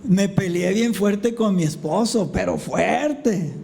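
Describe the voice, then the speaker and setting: A woman's voice: medium pitch, slow, gravelly, mellow, slight background noise. A man doing a chatty grown woman. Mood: storytelling. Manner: chatty, retelling her story. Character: grown pastor's daughter recalling a marital fight.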